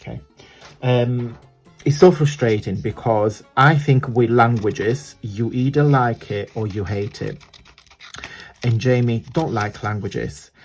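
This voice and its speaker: A craft vlogger with an Italian accent chats casually through a crafting tutorial, rambling, correcting himself, and laughing often. His medium-pitched voice moves slowly, and the poor-quality audio carries soft background music.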